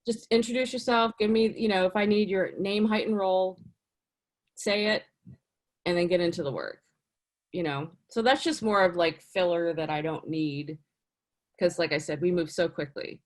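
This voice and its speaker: Woman, casting director, casual interview, chatty, animated, frequent fillers. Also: moderate pace. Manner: chatty, lots of "you know" and "like"; lively, swings up in pitch for emphasis.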